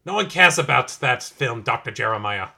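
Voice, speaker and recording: Man doing a haughty otherworldly dark lord, pompous, theatrical, gravelly, bright edge. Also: medium pitch, expressive, normal speed, heavily acted. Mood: scheming. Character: haughty male dark lord from another realm.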